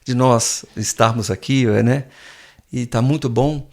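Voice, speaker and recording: A man's voice: medium pitch, steady tone, unhurried. A man, a guest professor who explains things patiently with frequent restarts in a casual podcast chat in a studio.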